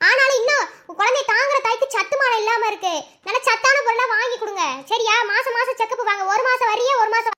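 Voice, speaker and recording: A woman acting as a female doctor who gives steady, lecturing advice to a couple in a family skit. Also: very high voice, fast talker. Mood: advising. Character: calm advising female doctor.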